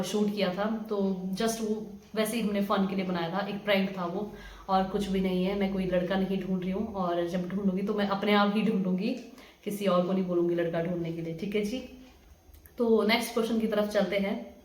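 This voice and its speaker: A woman's voice: mid-range voice, reverberant. A woman in her twenties from Himachal Pradesh, answering viewer questions in a casual vlog, chatty and hesitant with many fillers. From Himachal Pradesh, India. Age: 20s. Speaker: vlogger. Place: home room.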